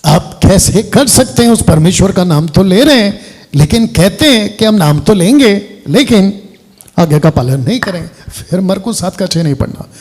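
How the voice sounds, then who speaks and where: Guy preaching a sermon in a church hall, bossy, fairly high voice. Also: animated, moderate pace, darkish tone, husky. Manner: directive, breaks off to give instructions. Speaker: pastor.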